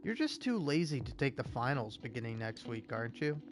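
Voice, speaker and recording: A man's voice: mid-range voice, very animated, brisk, background noise. A man hosting a let's-play, chatting casually and reading game dialogue aloud. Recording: game music behind the voice.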